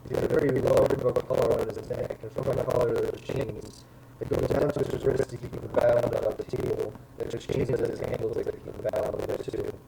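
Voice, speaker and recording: Man, game master, rambling narration, gravelly voice, mid pitch. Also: fairly even intonation, fairly quick. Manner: rambling, hesitant with many fillers. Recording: noisy background.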